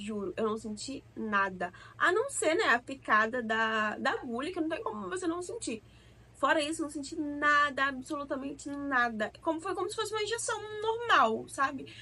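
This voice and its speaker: A young woman from Brazil with a high, bright voice shares a personal story with her viewers. She talks in a chatty, emotional way, often turning to her audience directly. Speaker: vlogger.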